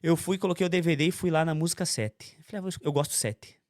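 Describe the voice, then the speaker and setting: A man's voice: on the high side, fast, no echo, clean studio sound. A man from giving a testimony in a conversational interview, telling his story intensely and acting out other people's words. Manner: intense, animated storytelling with quoted voices.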